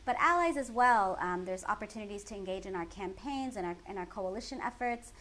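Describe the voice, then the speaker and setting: Fairly quick and lively in intonation, a woman with a medium-pitched, fairly bright voice and a Californian American accent from the San Francisco Bay Area, United States, gives articulate, earnest interview answers about her community organizing work. The background ambience is clearly noisy.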